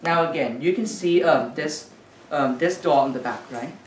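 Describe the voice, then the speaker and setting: Low-voiced woman, kids' party magician, echoey room. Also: moderate pace. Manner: kids party magician, instructing and questioning the audience. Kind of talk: live magic show patter for children. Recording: echoey room, distant mic, noisy background.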